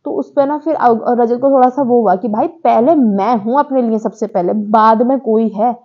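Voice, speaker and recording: Chatty woman reviewer, higher voice. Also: normal speed, lo-fi sound. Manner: chatty, opinionated, addresses viewers as guys. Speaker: reality show reviewer. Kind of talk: casual recap commentary.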